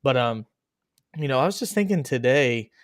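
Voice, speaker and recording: A man hosting a casual racing chat podcast, joking and animated. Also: mid-range voice, normal speed, no room sound, studio quality. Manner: joking, animated, laughs at own bits. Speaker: podcast host.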